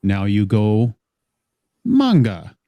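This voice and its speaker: A reflective man speaks in a warm, mellow voice with a dry, close sound. He talks slowly, weighing his words, and drops the occasional curse. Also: fairly low pitch, huge pitch swings, no room sound. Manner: measured, reflective, occasional swearing. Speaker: panel guest. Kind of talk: casual panel chat.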